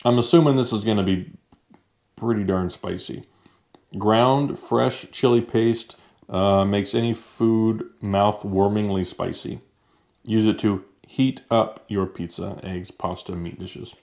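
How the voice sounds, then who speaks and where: A man's voice: on the low side, fairly even intonation, unhurried, darkish tone. A man casually chatting as he tastes new foods for a vlog, easygoing and talking while eating. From United States. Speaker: vlogger. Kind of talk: casual food-tasting chat.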